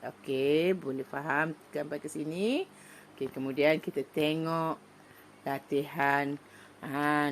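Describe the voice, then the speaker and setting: A middle-aged woman with a Malaysian Malay accent, a primary school teacher patiently explaining an online lesson step by step, reciting poems slowly and loudly. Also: low-pitched, a little hiss or hum. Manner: patient, explaining step by step with many "okey" fillers; slow, loud, emphatic when reciting poems. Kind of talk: online lesson for young pupils.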